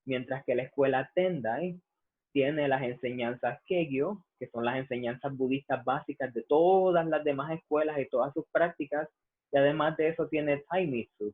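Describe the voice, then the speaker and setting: A man from Puerto Rico with a Puerto Rican accent, a Buddhist reverend calmly explaining his tradition with many "eh" fillers. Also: medium pitch, slightly rough. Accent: Puerto Rican Spanish. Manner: measured, frequent "eh" fillers. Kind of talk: explanatory interview answers. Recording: tinny phone-like line.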